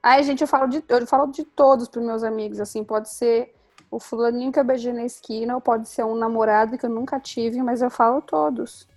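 A woman's voice: on the high side, steady tone, a little fast, a little mellow. A woman in a casual group chat, rambling with lots of fillers and restarts.

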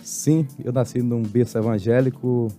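A Brazilian pastor and retired marine in his sixties, telling his life story with preacherly emphasis in a relaxed interview. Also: mid-range voice, normal speed, soft background music. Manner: animated testimony, preacherly emphasis.

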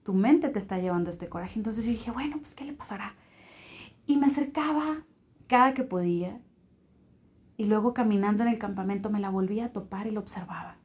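A woman's voice: mid-range voice, a little fast. Woman telling a faith story. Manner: animated storytelling with lively acted-out quotes. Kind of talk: personal faith testimony.

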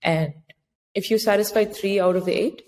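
A woman speaks at a normal speed in a mid-range, darkish voice, appearing as an interview guest and author advising immigrant founders. Conversational in style, she explains practical advice over echoey hall reverb and clear background noise.

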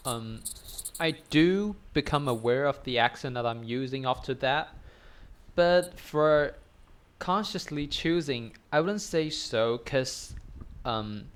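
A guest from Taiwan talks in English with a noticeably British-influenced accent. His phrasing is simple, and he pauses with small "uh"s while he searches for the next words. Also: medium pitch, clear, resonant tone. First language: Taiwanese Mandarin. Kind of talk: casual interview chat.

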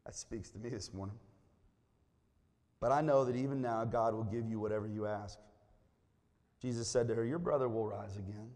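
A man's voice: fairly low pitch, normal speed, pauses often. A man preaching a sermon in a church, reading scripture aloud and calling on the congregation to answer back. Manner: lively, calls on the congregation to respond. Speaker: pastor. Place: church hall. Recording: long hall reverb.

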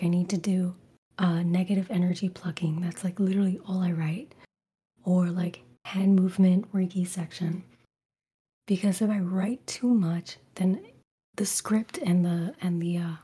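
A woman's voice: on the low side, steady tone, moderate pace, dark tone, breathy edge. A woman who makes ASMR videos, answering interview questions mostly in a whisper, with lots of "like" and "you know".

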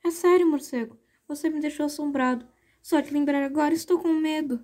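A woman's voice: high voice, fairly even intonation, brisk, dark tone, lightly acted. A woman playing a timid, easily frightened little boy, meek and fearful, in a children's horror audio drama. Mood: scared.

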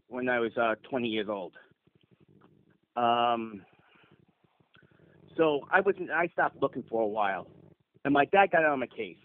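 A man in his fifties, an HVAC technician, chatting easily as a podcast guest and telling stories. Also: mid-range voice. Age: 50s. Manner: easygoing, rambling storyteller. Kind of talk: casual podcast chat. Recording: tinny phone-like line.

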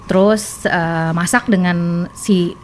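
A woman's voice: fairly low pitch, fairly even intonation, slow pace. Casual woman podcaster with faint background noise. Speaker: podcast co-host. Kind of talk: casual chat, retelling a listener's story.

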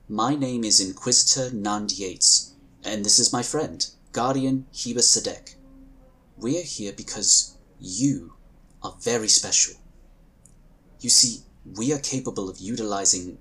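Here the actor voices a polite, reassuring inquisitor from a magical order in a sci-fi audio drama, his phrases formal and measured. The male voice is medium in pitch, bright and forceful with a breathy edge, and the mood feels gentle and welcoming.

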